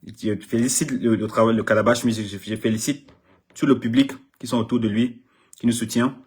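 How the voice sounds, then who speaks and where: Brisk and steady, with a mid-range, darkish and slightly rough voice, a middle-aged Cameroonian man gives a heated public address in French. An artist manager whose first language is English, he repeats himself emphatically and frequently stumbles over words.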